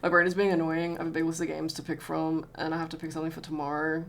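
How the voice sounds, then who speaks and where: A woman's voice: low-pitched, completely flat delivery, very fast, slight background noise. An Australian woman chatting casually on a live stream while she draws, greeting viewers and swearing freely.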